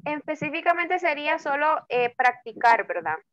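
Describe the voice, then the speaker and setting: Over a video call, a female tutor teaches English grammar online, stretching out example words slowly and often asking "¿ok?". Her high voice swings widely in pitch and has a fairly bright tone, with no room sound, the highs cut off, and faint music in the background.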